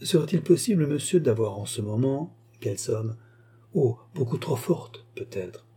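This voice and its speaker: A man's voice: medium pitch, animated, normal speed, warm tone, husky. A man voicing a queen who asks eager, gracious questions. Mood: curious. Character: curious, pleased female queen.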